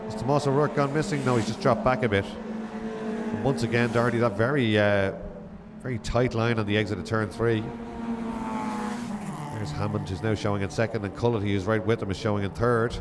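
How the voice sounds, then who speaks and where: A man's voice: fairly low pitch, fairly even intonation, fairly quick. A man giving live motorsport commentary, tracking race positions with hesitant, self-correcting asides. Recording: loud car engine and trackside noise. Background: racing cars and outdoor track noise.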